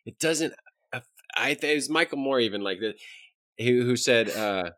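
A man's voice: mid-range voice, expressive, normal speed, a bit bright, no echo. Man, podcast co-host, blunt, profane, casual talk, dry recording. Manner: blunt, swears freely. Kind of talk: casual conversation.

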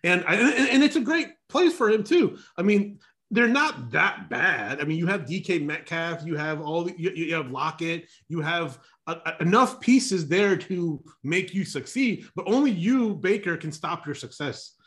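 Rambling high-voiced male co-host. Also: animated, unhurried, a bit bright. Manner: rambling, repeats words, earnest. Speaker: podcast co-host. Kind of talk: casual sports chat.

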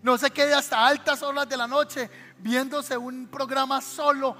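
High bright-voiced Colombian pastor preaching. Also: male voice, flat delivery, unhurried. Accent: Colombian Spanish. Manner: preaching with sudden shouted exhortations; addresses the congregation directly, asking for amens. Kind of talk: sermon. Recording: music behind, long hall reverb.

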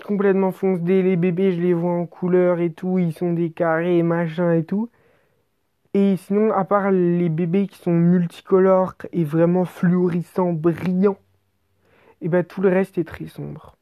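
A woman's voice: on the low side, level tone, unhurried, dry recording, muffled recording. A woman telling an absurd comic story in the first person, in casual slang and with lots of rambling and restarts.

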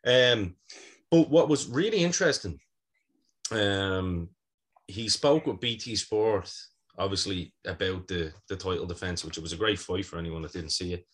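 A man's voice: low voice, normal speed, a bit bright. A man hosting a podcast in a casual, blokey, bantering chat style. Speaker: podcast host. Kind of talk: casual pro wrestling chat.

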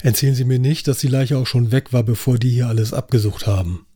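Man playing a dry skeptical old-hand detective, dark mellow voice. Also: medium pitch, steady tone, fast, husky, close to an everyday voice. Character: dry, seasoned male police inspector. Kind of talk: audiobook acting.

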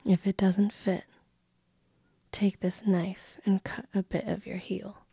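Scheming stepmother, coaxing hushed whisper, dark and husky, as a woman puts her on. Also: medium pitch, flat delivery, takes it slowly, no echo, studio quality, heavily acted. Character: scheming cold-hearted stepmother.

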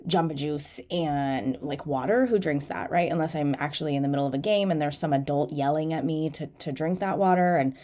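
She's in her thirties, a fitness coach running a solo podcast, and she chats frankly and informally, often at her own expense. The delivery is a little fast with few pauses, in a low, warm voice made nasal and congested by a head cold.

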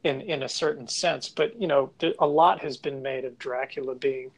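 Halting man in casual discussion. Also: medium pitch, rough recording. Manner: halting, many restarts and fillers. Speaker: podcast co-host.

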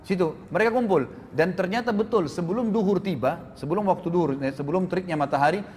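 A man preaching a storytelling sermon in a mosque, acting out the quoted speakers' lines with a rising voice. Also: quick pace. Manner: animated, acts out quoted voices with rising pitch. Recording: reverberant hall with faint noise.

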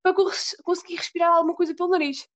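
A teenage girl from Portugal with a European Portuguese accent, chatting casually and telling stories with lively mimicry. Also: extremely high pitch, very fast. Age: teens. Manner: animated storytelling, mimics voices in quotes. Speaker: student. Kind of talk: casual chat.

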